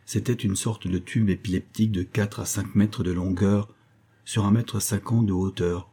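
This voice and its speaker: A man reading a classic adventure novel aloud as a steady audiobook narrator. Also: lowish voice, moderate pace, slightly rough. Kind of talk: scripted narration.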